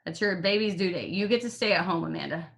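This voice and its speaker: Upbeat woman, bright tone, runs a team call while hiccuping, casual and joking. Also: fairly low pitch, fast, vocal fry. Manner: upbeat and chatty, with fillers and jokes. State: has the hiccups. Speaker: team leader.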